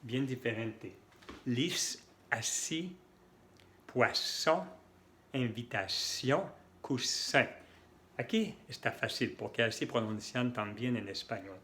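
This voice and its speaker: Slow, careful man teaching pronunciation. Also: mid-range voice, a bit bright, a little hiss or hum. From French-speaking. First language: not Spanish. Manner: slow, careful, repeats words to model sounds. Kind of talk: slow explanatory lesson with examples.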